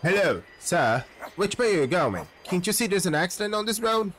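A man voicing a stern male police officer who speaks with a slow, officious drawl. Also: high-pitched, big pitch swings, a bit bright, slight background noise.

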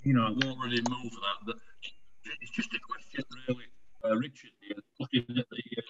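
A man speaking as a councillor on a video call whose audio keeps breaking up, halting and asking if he can be heard. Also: medium pitch, big pitch swings, gravelly, fairly bright tone. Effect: audio cutting out and breaking up. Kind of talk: remote committee meeting. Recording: dull, distant online call audio.

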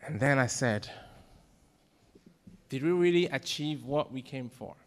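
A middle-aged pastor with a medium-pitched, expressive voice preaches at a measured pace into a pulpit microphone, putting questions to the congregation and building to emphatic peaks. The church hall adds a long reverb.

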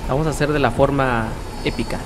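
A man's voice: medium pitch, fairly even intonation, fast talker. A young man with a Mexican Spanish accent, chatting casually as he comments on his own gameplay and repeats words when things get tense. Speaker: gaming streamer. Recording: loud game engine noise behind.

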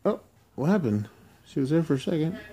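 Lively-voiced dad teasing on a call. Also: male voice, a little high, a little fast, husky. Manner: chatty, teasing, narrating for the child. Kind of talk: casual family video call. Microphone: phone on a video call.

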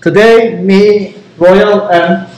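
A man's voice: sits high, steady tone, drawn-out words, a little mellow, roomy sound, poor audio. A young man hosting a casual vlog tour, filming himself with an action camera and whooping with enthusiasm. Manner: enthusiastic, frequent whoops and laughs. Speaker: vlog host and exchange participant. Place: guesthouse rooms and terraces, indoors and out. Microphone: action camera held at arm's length.

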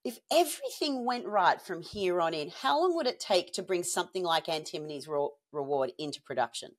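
A woman's voice: lowish voice, expressive, brisk. A woman hosting a business news interview, asking questions in an upbeat, enthusiastic way. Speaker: host.

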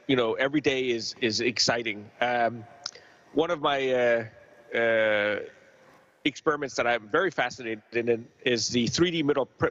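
A man speaking as an astronaut over a radio downlink from space. He talks in a measured way and pauses often on "uh". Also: medium pitch, fairly bright tone. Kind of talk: live space-to-ground call. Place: space station. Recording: dull lo-fi radio link.

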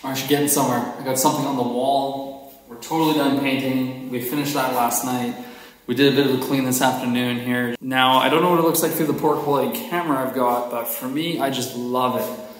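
A man's voice: mid-range voice, fairly even intonation, brisk. A young man giving an upbeat, chatty tour of his basement workshop, filmed with a handheld camera at arm's length. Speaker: DIY vlogger. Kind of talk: casual vlog narration. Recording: echoey bare room.

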